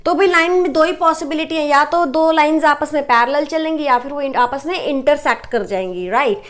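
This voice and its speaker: Explaining maths one step at a time, a young Indian woman mixes English terms into her Hindi and keeps checking in with "right?". Her voice is high-pitched, slightly bright, and a little fast.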